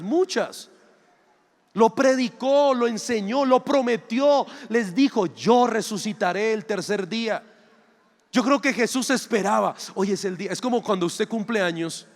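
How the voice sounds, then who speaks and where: A man preaching, his voice sitting high for a man. He is dramatic and theatrical, acting out little dialogues and asking the crowd rhetorical questions. His voice rings with long reverb in a big hall. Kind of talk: sermon.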